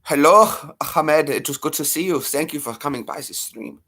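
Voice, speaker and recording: A man's voice: fairly high pitch, normal speed, pushed and bright, pitched above the performer's own voice. A man putting on a stiff, formal fake German character with stilted, overly formal phrasing. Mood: mock formal.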